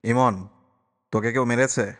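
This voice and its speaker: A man's voice: medium pitch, fairly even intonation, unhurried, fairly bright tone, lightly acted. A man voicing a grave, protective young uncle who speaks earnestly and firmly. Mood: gentle teasing. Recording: long reverberant echo.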